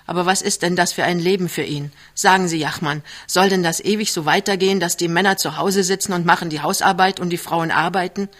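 Man reading young wife, earnest, worried, pleading, fairly high, bright and forceful, storybook reading.

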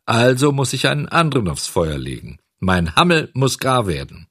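A man voicing a gruff, fearsome but soft-hearted puppet-theatre director while reading a storybook aloud. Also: mid-range voice, very animated, normal speed, dry recording, studio quality. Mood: grudging.

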